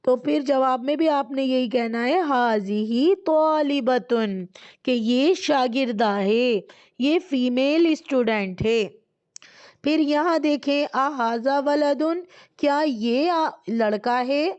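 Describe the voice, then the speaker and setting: A woman teaching a lesson. She is patient, asks questions and answers them herself, and says key words slowly twice. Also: high voice, darkish tone, clear, resonant tone. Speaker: Arabic teacher. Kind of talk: recorded classroom lesson. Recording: dull lo-fi recording.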